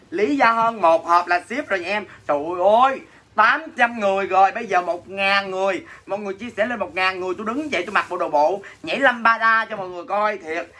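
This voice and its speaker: A man's voice: high voice, sharp tone. A man with a Southern Vietnamese accent hosting a livestream sale, reading out and answering viewer comments in dramatic, teasing, mock-complaining banter. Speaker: livestream seller and host. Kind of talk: casual livestream selling chat.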